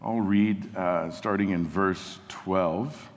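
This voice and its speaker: In a church hall with amplified sound and a long reverb, a young youth pastor gives a casual sermon, reading scripture into an amplified microphone. His deep voice has fairly even intonation and takes things slowly, and he's self-deprecating, building rising emphasis as he reads scripture.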